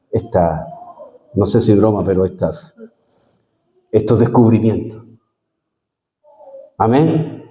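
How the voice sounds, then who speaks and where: Middle-aged pastor giving a sermon, lively swoops up high, warm tone, reverby church hall. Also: male voice, slight background noise. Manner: animated preaching with sudden high swoops and asides. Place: church sanctuary.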